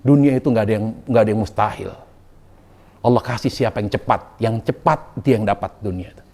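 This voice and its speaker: A man's voice: lowish voice, fast, warm tone. A man preaching a casual sermon to a women's study group, chatty and humorous, with colloquial asides and repeated points for emphasis. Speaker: Islamic preacher.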